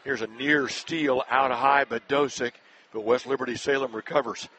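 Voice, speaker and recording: Man calling basketball play-by-play over loud noise. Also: fairly even intonation, rough recording. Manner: brisk, rising sharply in pitch and volume on big plays. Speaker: play-by-play announcer. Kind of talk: live high school basketball play-by-play. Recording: broadcast with loud crowd noise.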